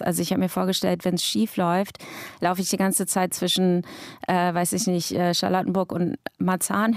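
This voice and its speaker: A woman's voice: on the low side, vocal fry, darkish tone, no room sound, clean studio sound. A woman author, a guest in an interview, answering thoughtfully with many hesitations.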